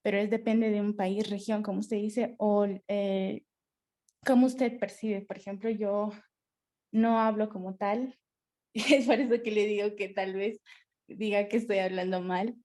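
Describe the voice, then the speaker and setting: A woman's voice: medium pitch, fairly even intonation, measured pace, mellow. A woman student asking her teacher a question, hesitant and thinking aloud as she talks. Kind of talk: classroom question.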